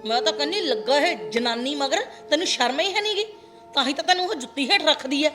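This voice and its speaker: An actress playing a sharp-tongued village mother who scolds her grown son. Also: high voice, animated, fast talker, over music. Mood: scolding. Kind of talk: Punjabi web series acting.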